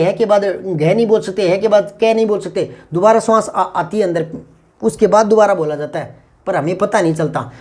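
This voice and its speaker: A man's voice: high-pitched, a little mellow. A man teaching grammar in an exam-prep lesson. He explains patiently, repeats key terms and asks rhetorical questions.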